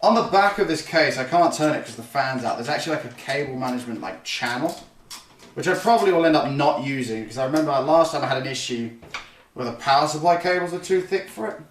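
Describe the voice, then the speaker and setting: Talking to his stream viewers as he puts a computer together, a young man with a fairly high voice is expressive and fast, rambling and correcting himself. It's casual live-stream chat. The audio has a roomy, slightly distant quality with a little faint noise.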